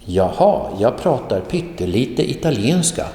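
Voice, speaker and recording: Slow man teaching in echo. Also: medium pitch, sing-song, dark tone. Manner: slow, deliberate teaching, repeating words for learners. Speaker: Swedish language teacher. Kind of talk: recorded online lecture, reading dialogues and translating. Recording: echoey room with long reverb.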